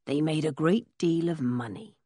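A woman voicing an old male village blacksmith who tells a story slowly and in a rustic way, with a husky voice. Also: low-pitched, lively intonation, dark tone, no room sound, studio quality. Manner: slow, drawn-out, rustic storytelling. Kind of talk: audiobook character reading.

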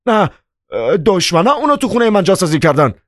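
A frantic middle-aged building manager, as a male narrator plays him, yelling in a strained high voice far above a normal man's. The audiobook recording is dry and close. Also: sing-song, dry recording. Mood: panicked. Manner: frantic shouting.

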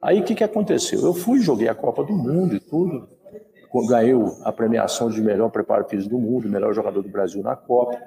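A Brazilian man in his sixties, a former footballer, telling stories in an interview with lively, repetitive phrasing. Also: medium pitch, fast, vocal fry, crowd noise. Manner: lively storyteller who acts out quoted dialogue and repeats words. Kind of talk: storytelling in an interview.

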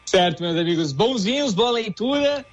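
High-voiced southern Brazilian man chatting. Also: expressive, normal speed, highs cut off, a little hiss or hum. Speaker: guest, wine book author. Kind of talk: casual live interview talk.

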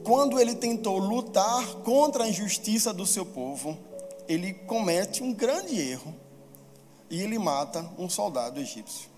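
Male preacher, high voice, excitable and quick, sermon in a church hall with long reverb and soft music under it. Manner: fast-talking, excitable, acts out quoted pleas in a raised voice.

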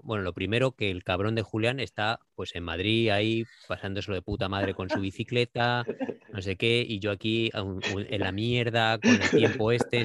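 A man's voice: on the low side, a bit bright, no echo, clean studio sound. A man from Spain co-hosting a casual podcast, speaking frankly and swearing freely as he vents. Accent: Spain Spanish. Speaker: podcast co-host. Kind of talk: casual chat.

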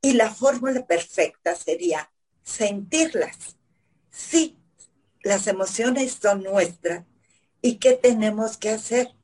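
A woman psychotherapist, explaining calmly step by step in an interview, often asking herself questions. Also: medium pitch, slow, poor audio. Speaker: psychotherapist guest.

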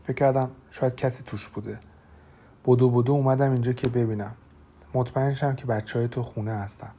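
Man voicing a flustered innkeeper, hurried, anxious, husky tone. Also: mid-range voice, steady tone, warm tone. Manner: hurried, reassuring yet nervous.

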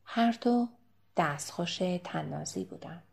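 Woman narrator with a gravelly low voice. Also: animated, a little mellow. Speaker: audiobook narrator. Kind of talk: scripted narration.

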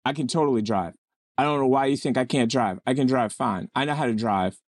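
A man's voice: medium pitch, brisk, no echo, clean studio sound, close to an everyday voice. A man playing a drunk man who stubbornly insists he is sober and can drive. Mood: defensive. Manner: stubborn denials.

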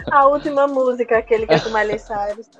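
A woman's voice: fairly high pitch, dull audio. A woman co-host chiming in with teasing remarks during a casual podcast chat. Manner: teasing interjections.

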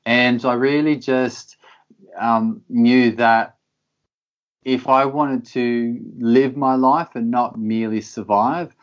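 A man's voice: mid-range voice, steady tone, slow pace, dull audio. A man speaking candidly in an interview, earnest, often repeating words to stress a point. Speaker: podcast guest.

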